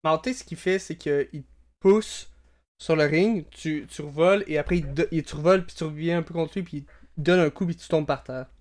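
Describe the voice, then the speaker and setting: A man running a tabletop role-playing game as game master, narrating in a relaxed way with frequent hesitations. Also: a little high, fairly quick.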